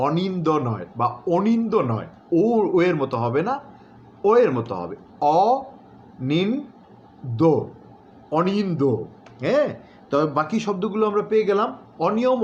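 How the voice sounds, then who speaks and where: Instructor drilling words slowly. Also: male voice, on the high side. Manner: repeats example words slowly and deliberately, with many filler sounds. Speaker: recitation and newsreading instructor. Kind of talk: pronunciation lesson. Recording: dull, slightly noisy home recording.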